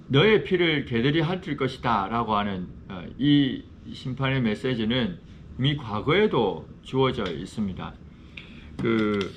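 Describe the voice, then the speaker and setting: A man, a pastor, teaching a Bible study class in a church classroom. He explains in a measured way and poses questions to his students. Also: on the low side, a bit bright, slight background noise.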